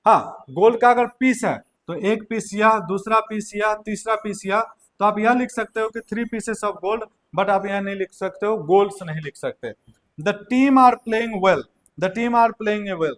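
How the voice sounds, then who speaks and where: A man's voice: high voice, a bit bright. A male teacher giving a language grammar lecture, repeating key points and checking in with his students often. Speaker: English teacher. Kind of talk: classroom lecture.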